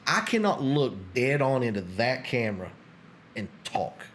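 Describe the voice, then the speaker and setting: A middle-aged man hosts a casual podcast chat at an ordinary pitch. He rambles, restarts his sentences and drifts between topics. A faint hiss of noise sits under the voice. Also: sing-song, normal speed, fairly bright tone. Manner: rambling, restarts often, gets sidetracked. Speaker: podcast host. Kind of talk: casual conversation.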